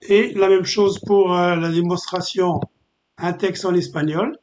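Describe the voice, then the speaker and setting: A man with a slightly raised voice gives a screen-recorded coding tutorial. He explains at an easy pace with many hesitant filler pauses. The sound is dull and lo-fi, with a faint hiss underneath. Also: high-pitched, fairly even intonation, darkish tone. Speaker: software tutorial presenter.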